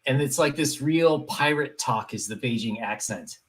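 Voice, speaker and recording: A podcast host with a mid-range voice runs a casual interview at a moderate pace. He puts his questions in a friendly, conversational way.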